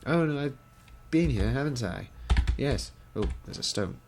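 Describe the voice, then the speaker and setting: This gaming video creator is a young man whose mid-range, gravelly voice comes across animated yet measured, despite his congestion from a cold. Over a headset and against a noisy background, he plays up a wry, mock-posh gentlemanly accent in his let's play commentary.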